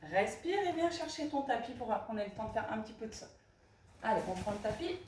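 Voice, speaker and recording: A woman leading a pilates class, counting reps and calling out breathing cues in brisk short commands. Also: on the high side, very animated, a little mellow, slight background noise. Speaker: pilates instructor. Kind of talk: guiding a live fitness class. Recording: echoey room, voice from far off.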